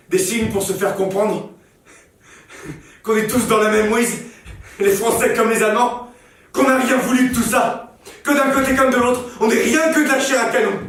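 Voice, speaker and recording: A man playing a rough-spoken trench soldier. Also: high voice, a bit bright, slight background noise. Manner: blunt soldier's slang, vivid storytelling. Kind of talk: stage reading of a war diary. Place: theatre stage. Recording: echoey theatre from far off.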